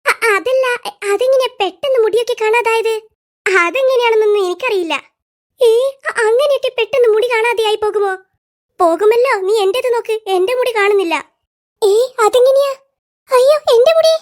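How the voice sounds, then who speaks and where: A voice actor voicing squeaky schoolkids in an animated comedy, trading quick teasing banter. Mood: bickering. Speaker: cartoon voice actor.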